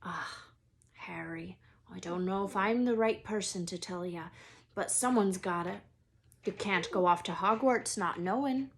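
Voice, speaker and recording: A woman voices a huge, gruff but kindhearted wizard in a storybook, sounding worried, hesitant and emotionally anxious. Her folksy delivery halts and drops word endings. Her voice is mid-range, with slight background noise.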